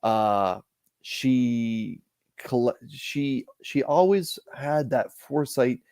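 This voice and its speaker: A Canadian man talks casually as a live-stream guest, circling back and restarting his sentences as he goes. His voice sits at a middling pitch. The sound is dry and close, with no room echo. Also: slow pace, a little mellow. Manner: rambling, repeats and restarts words.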